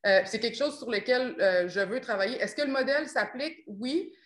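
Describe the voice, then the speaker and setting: A woman's voice: fairly high pitch, brisk, fairly bright tone, echoey room. A woman researcher from Quebec with a Québécois accent, presenting a seminar over a video call, with many fillers and restarts. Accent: Québécois French. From Quebec, Chaudière-Appalaches region. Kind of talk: academic talk and Q&A on a video call.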